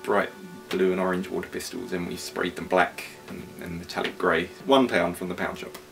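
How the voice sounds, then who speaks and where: Ein junger britischer Mann, Mitschöpfer einer Heimserie, erzählt trocken und belehrend von den Dreharbeiten. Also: male voice, low voice, steady tone, moderate pace, vocal fry, a bit bright. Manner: wry, lesson-giving. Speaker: co-creator and actor of a home-made series. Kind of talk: casual interview chat. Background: guitar music.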